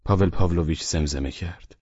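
A man narrating a novel as an audiobook, reading in a steady, measured way, in a dull lo-fi recording. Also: sits low, husky, no room sound.

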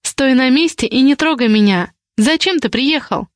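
A woman reading the lines of a defiant young woman, an indignant ward who argues with rapid questions. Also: high voice, animated, dry recording, studio quality, voice pushed up. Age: young adult.

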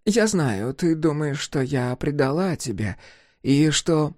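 Guy doing an older lady scientist, raised voice, halting and awkward, dry close sound. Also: low-pitched, expressive, darkish tone, no room sound, pitched above the performer's own voice, full character voice. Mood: hesitant. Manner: halting, hesitant, apologetic.

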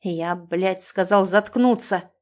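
A woman's voice: mid-range voice, slow pace, darkish tone, natural voice. Woman voicing: domineering husband, cold commands, audiobook reading. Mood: angry. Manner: harsh, commanding, through gritted teeth. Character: angry domineering husband, hissing threats.

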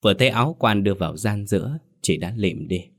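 A man giving scripted horror narration in a measured, somber way. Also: lowish voice, expressive, a bit bright. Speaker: storyteller.

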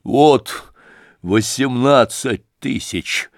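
A man's voice: low voice, gravelly, no room sound, studio quality, full character voice. Man voicing a frantic, wild young merchant. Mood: reckless, rueful. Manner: shouting, excited, drawn-out pleading. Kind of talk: audiobook character reading.

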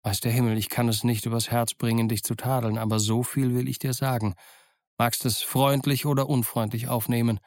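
A man's voice: mid-range voice, flat delivery, a little fast, darkish tone, dry recording, studio quality, close to an everyday voice. A man voicing a kindly, stern middle-aged doctor in an audiobook, speaking with reproach and concern. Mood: reproachful. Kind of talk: audiobook character voice.

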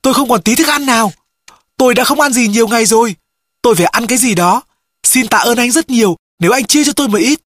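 A man's voice: extremely high pitch, fast talker, fairly bright tone, dry recording, clean studio sound, pitched above the performer's own voice. A man voicing a starving male castaway who desperately begs for food in an audiobook. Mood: pleading. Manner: pleading, begging for food. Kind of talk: audiobook dialogue.

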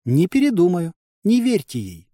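A man's voice: high voice, huge pitch swings, moderate pace, warm tone, dry recording, pitched above the performer's own voice. Unfeeling game system, clipped and mocking , voiced by a man; dry read. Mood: cold.

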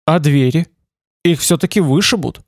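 A man's voice: on the high side, normal speed, no echo, studio quality, lightly acted. A man reading the part of a hot-headed young male knight, speaking in an impassioned, exclaiming way. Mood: fervent knight. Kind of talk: audiobook character reading.

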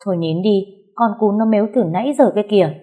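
A woman's voice: mid-range voice, quick pace, mellow, lightly acted. A woman voicing a caring older country mother who comforts her grown daughter in a told story. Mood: soothing. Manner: soothing, motherly.

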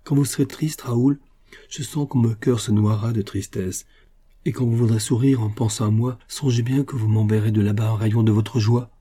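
A man reading the part of a grave, gentle aging nobleman speaking tenderly to his son, in a husky, dark voice. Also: on the low side, fairly even intonation, normal speed.

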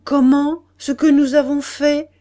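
Calm, unhurried gentleman, mildly surprised, voiced high and bright by a woman reader.

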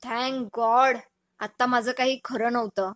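A woman's voice: a little high, fairly even intonation, slow, fairly bright tone. A woman voicing a playful, affectionate young husband in a storybook reading, teasing and fond in tone.

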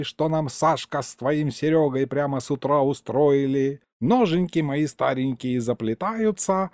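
A man voicing a grumpy, boastful old grandfather who tells stories in a drawn-out, sing-song folksy way. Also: fairly high pitch, a little mellow, dry recording, studio quality, pitched above the performer's own voice, close to an everyday voice. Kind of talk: audiobook character voice.

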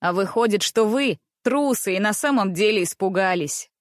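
A woman's voice: mid-range voice, lively intonation, normal speed, no echo, clean studio sound, lightly acted. A woman voicing a mischievous, cheerful teenage boy who teases his friends with a ringing laugh. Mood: merry teasing. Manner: laughing, teasing.

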